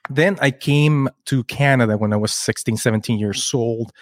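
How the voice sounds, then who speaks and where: A man's voice: mid-range voice, moderate pace, dry recording, studio quality. Man telling his story. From Chile. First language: Spanish. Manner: earnest, rambling, often restarts words. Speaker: podcast guest, entrepreneur. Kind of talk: casual interview storytelling.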